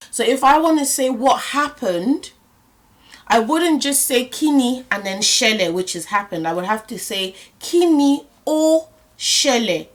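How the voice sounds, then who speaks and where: A woman teaching a language lesson, explaining step by step and repeating example phrases slowly, checking in often with the listener. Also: a little high.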